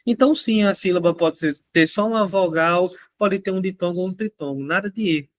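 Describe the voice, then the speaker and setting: This Brazilian teacher talks his students through exam answers in a relaxed, chatty recording, pausing often to see if they're following. He speaks a little fast in a high-pitched voice that swings up and down frequently.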